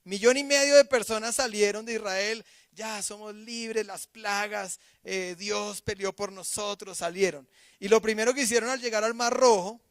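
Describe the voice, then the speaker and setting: A man, preaching a sermon as pastor, animated and acting out quoted voices, swinging from loud to hushed. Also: high-pitched, dry recording, clean studio sound.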